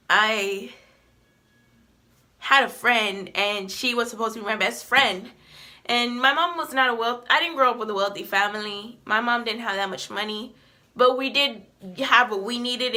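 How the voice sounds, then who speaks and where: A woman in her twenties telling a personal story to the camera in a halting, emotional, rambling way. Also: a little high, pushed and bright. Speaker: vlogger.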